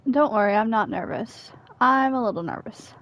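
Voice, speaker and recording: A woman's voice: a little high, normal speed, fairly bright tone. A woman streamer giving chatty, giggly commentary on a game while she talks to herself, and she has the hiccups. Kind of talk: casual gameplay commentary. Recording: game music playing behind her voice.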